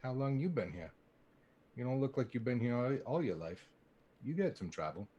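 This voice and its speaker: A man playing a tabletop role-playing game, improvising dialogue in a wry, halting way. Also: medium pitch, very animated, mellow, breathy edge, highs cut off. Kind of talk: improvised in-character table talk.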